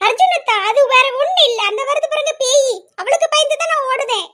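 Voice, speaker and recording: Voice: very high voice, fairly quick, pushed and bright. A woman voicing a cheeky teenage village girl who bickers, teases and makes playful threats. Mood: teasing. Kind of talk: amateur audio drama acting.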